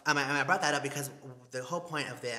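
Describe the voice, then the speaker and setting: A man's voice: on the high side, steady tone, rapid-fire, sharp tone. A young man co-hosting a casual podcast chat, candid and rambling, peppering his talk with filler and slang. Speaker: podcast co-host. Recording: echoey room with long reverb.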